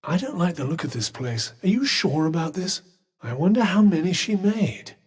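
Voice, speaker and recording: Here a British actor plays a video game companion, a learned and sardonic magical cuff that is sentient, speaking scripted dialogue with formal, dry condescension in a wry, observant mood. His pitch runs high and swings widely, his pace is normal, and his voice is slightly rough and a little mellow. The audio carries long, echoing reverb.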